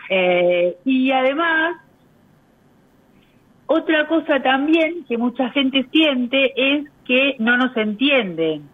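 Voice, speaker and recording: A woman, a communication specialist explaining her ideas as a guest on a radio interview, pausing often on hesitant fillers. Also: sits high, animated. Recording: tinny phone line.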